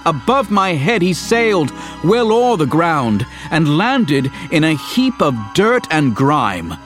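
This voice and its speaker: An actor playing an earnest, exasperated young hero in Shakespearean verse, declaimed like a hammy stage performer. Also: male voice, a little high, big pitch swings, slow, faint music behind. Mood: lamenting, dramatic. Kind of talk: dramatic Shakespearean verse reading.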